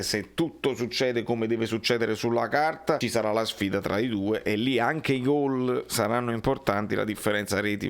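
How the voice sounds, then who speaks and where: Guy doing casual post-match football talk, gravelly voice, jokey and chatty. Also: mid-range voice. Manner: chatty, animated, repeats words, jokes with viewers. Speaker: football channel host.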